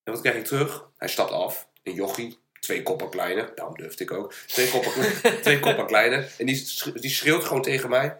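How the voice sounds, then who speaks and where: A man's voice: mid-range voice, normal speed, few pauses, slight background noise. Storytelling man in an echoey room. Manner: animated storytelling with repeated restarts. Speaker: podcast co-host. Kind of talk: casual podcast chat.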